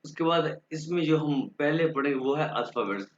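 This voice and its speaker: A man whose first language is Urdu, teaching a German class online and slowly drilling the alphabet for students to repeat. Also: a little high, expressive, roomy sound, dull audio. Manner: slow, patient, drills letters aloud for students to repeat.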